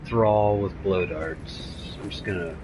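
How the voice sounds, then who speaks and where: A man giving excitable let's play commentary, reacting out loud as he plays. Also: sits low, takes it slowly, noisy background. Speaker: gameplay commentator.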